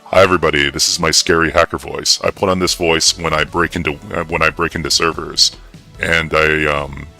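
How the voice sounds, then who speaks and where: A man putting on a scary male hacker voice through a voice changer that drops his voice far down. He talks haltingly, with fillers. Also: little pitch movement, creaky, bright, forceful tone, faint music behind, exaggerated voice. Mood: mock-menacing. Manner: hesitant, with fillers. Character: scary male hacker, menacing and mock-sinister. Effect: voice changer pitching the voice far down. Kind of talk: tutorial aside.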